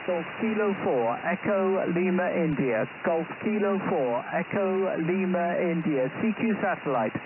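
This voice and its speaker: A man's voice: high-pitched, animated, measured pace, hardly any pauses, phone-quality sound. A man, an amateur radio operator, making a ham radio call over a satellite link and spelling his call sign in the phonetic alphabet. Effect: amateur satellite radio transmission. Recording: thin radio band with loud hiss.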